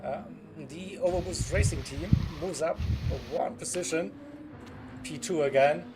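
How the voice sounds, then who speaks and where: A man with a German accent, a native German speaker, doing relaxed, chatty live commentary on a sim race. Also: on the high side, a little slow. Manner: relaxed, chatty, laughs often. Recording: clear background noise.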